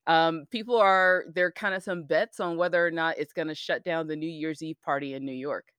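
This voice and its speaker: Woman, forties, American accent, slight slushy slurred lisp, clear smooth tone, dry sound, casual self-deprecating podcast chat. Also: low-pitched, steady tone, fairly quick, fairly bright tone, no room sound. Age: 40s. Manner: chatty, self-deprecating, giggly. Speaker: podcast co-host.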